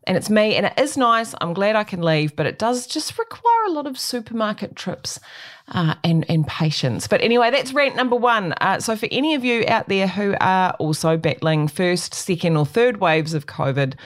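A woman's voice: medium pitch, expressive, normal speed. A middle-aged New Zealand woman hosting a talk show solo, ranting in an emphatic, wry, conversational way. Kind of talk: opinionated solo rant, conversational.

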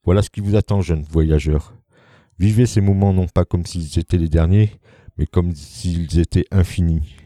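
A man reading a prepared text aloud in a slow, solemn way. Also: sits low, fairly even intonation, dark tone, no echo, studio quality.

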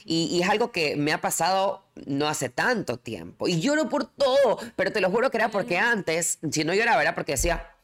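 A woman's voice: on the low side, a little fast, few pauses. A woman hosting a casual chat, telling her own experiences openly and with lots of restarts. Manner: open, animated storytelling with frequent restarts.

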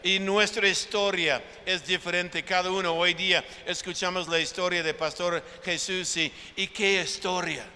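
A man's voice: high-pitched, steady tone, normal speed, hardly any pauses, bright, forceful tone. A man preaching a sermon as pastor, repeating phrases for emphasis and acting out conversations with his congregation, in a large church hall. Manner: preaching with emphatic repetition and acted-out dialogue. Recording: long church hall reverb.

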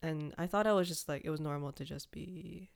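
A young woman with a notably low voice talks candidly in a casual conversation. She is expressive and laughs often. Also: fairly quick, vocal fry, clear, resonant tone. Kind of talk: casual chat.

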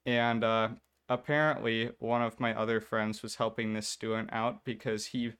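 A man's voice: fairly low pitch, little pitch movement, normal speed, a bit bright, smooth. A young man co-hosting a casual chat, telling a story and acting out the people in it. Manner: storytelling, mimics others in quotes. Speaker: podcast co-host.

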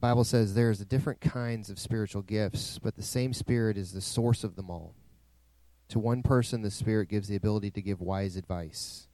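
A man's voice: lowish voice, fairly even intonation, brisk, warm tone, no room sound. A male pastor preaching a sermon in a dry, close recording, with emphatic rising swells.

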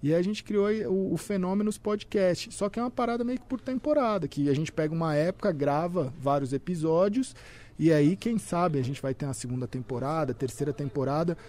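High-voiced young guy, slangy. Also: fairly quick, darkish tone. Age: young adult. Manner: slangy, loose, full of fillers. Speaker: content creator, podcast guest. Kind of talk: casual chat.

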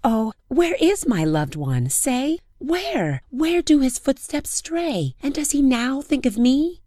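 A woman voicing a grieving, lovesick young princess in captivity, chanting her pleas in slow, high, singsong verse. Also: sing-song, warm tone, no echo, clean studio sound, heavily acted. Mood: plaintive pleading.

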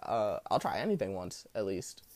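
Smooth-voiced man rambling on a podcast, dry close sound. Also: on the low side, big pitch swings, moderate pace, darkish tone, dry recording. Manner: profane, slangy. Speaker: podcast host. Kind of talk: casual, rambling solo podcast talk.

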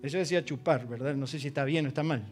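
A man with an Argentine accent preaching a sermon as pastor. He tells stories, acting out the quoted dialogue and swinging from loud emphasis to hushed asides. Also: a little high, very fast, faint music behind. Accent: Argentine Spanish. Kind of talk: sermon with told anecdotes.

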